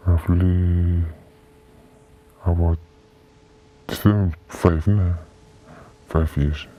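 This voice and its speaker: An anonymous speaker from the Solomon Islands with a Pijin accent, whose voice is altered to sound very deep, speaking haltingly in a confessional interview. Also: fairly even intonation, mellow, a little hiss or hum. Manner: slow, halting, with long pauses. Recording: dull lo-fi disguised audio.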